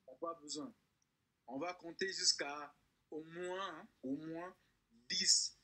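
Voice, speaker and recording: A man from Congo with a French suburban accent, chatting in a joking, playful way and often jumping into a high voice for effect. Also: slow pace, sharp tone. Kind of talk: joking casual chat.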